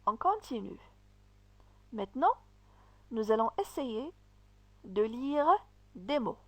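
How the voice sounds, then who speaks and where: A woman teacher reads to young pupils at a very slow, deliberate pace, sounding out each word. Her voice sits a little high and is recorded close and dry, with no room sound. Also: animated, a little mellow, no room sound. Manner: slow, deliberate syllable-by-syllable reading. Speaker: primary school teacher. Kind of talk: slow reading lesson for children.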